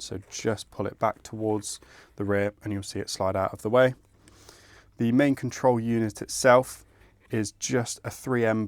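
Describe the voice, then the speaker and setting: A man with a lowish voice and no echo narrates an installation tutorial step by step. He explains each stage methodically but informally.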